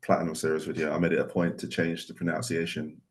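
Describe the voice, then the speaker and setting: A man's voice: very deep voice, completely flat delivery, quick pace. A man who makes videos, a guest on a podcast, talking casually and thinking aloud. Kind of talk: casual interview chat.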